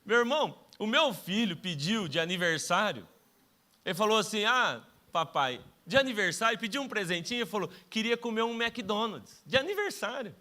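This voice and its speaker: A man's voice: high-pitched, very animated, moderate pace, pushed and bright. A middle-aged Brazilian man preaching a sermon as pastor, telling stories with self-mocking humor and acting out the dialogues. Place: church stage.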